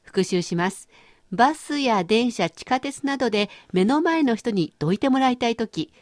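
Lively woman hosting a language lesson. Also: fairly high pitch, normal speed, no room sound, clean studio sound. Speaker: language course host.

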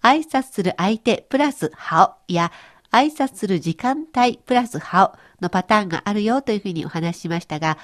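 Lively, cheerful woman teaching a language. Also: medium pitch, moderate pace. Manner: cheerful explaining, lively intonation. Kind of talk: radio language lesson.

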